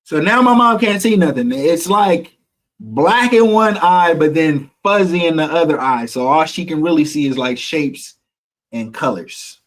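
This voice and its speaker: A man's voice: fairly high pitch, expressive, measured pace. A man vlogging a personal story to viewers, candid and emotional, swearing freely.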